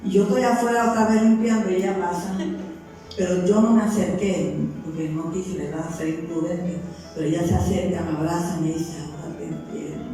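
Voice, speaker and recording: A woman's voice: lowish voice, steady tone, brisk, warm tone. A woman pastor preaching a sermon to her congregation, telling personal stories in an earnest way and calling listeners brother. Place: church sanctuary with congregation. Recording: echoey hall from far off, faint music.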